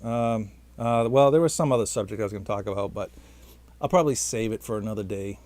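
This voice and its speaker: A man's voice: fairly low pitch, quick pace, darkish tone. Rambling, hesitant man vlogging. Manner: rambling, hesitant, self-deprecating. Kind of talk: rambling casual monologue.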